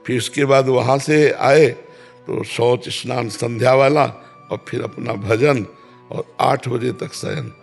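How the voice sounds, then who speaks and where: A man, calmly answering devotional questions as a spiritual teacher and repeating key phrases. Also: medium pitch, gravelly, soft background music. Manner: calm, repeats key phrases, chants verses slowly.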